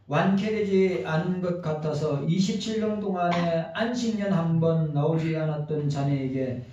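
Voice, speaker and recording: A male pastor reading a heartfelt eulogy letter aloud during a church sermon, slow and earnest. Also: high-pitched, dark tone. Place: church sanctuary. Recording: echoey church hall from a distant mic, dull.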